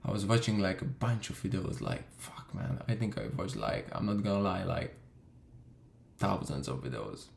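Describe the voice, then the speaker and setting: A young Hungarian man, a vlogger in a London room, tells his story casually and with plenty of swearing and filler words. His voice is low, animated and creaky at a normal pace, recorded in an echoey room with a little hiss or hum.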